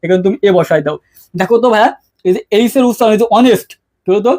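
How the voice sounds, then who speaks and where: A man's voice: sits high, a little mellow. A man teaching an English grammar lesson, constantly asking his students questions and answering them himself in a casual, colloquial way. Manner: quick-talking, keeps asking students questions; colloquial, mixes English terms into speech. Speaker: English tutor. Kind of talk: online exam-prep lesson.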